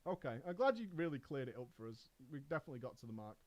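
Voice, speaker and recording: Streaming, a man reads a viewer's story aloud and reacts with sarcasm, swearing and laughing often. He talks rapid-fire in a mid-range voice that swings widely in pitch.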